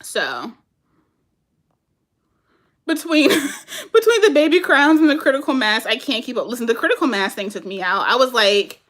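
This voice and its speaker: A fairly high-voiced woman holds a relaxed, chatty catch-up with her viewers. She answers their comments in an animated way, breaks into laughter often and speaks straight to her audience. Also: normal speed, pauses often. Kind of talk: casual chat with viewers.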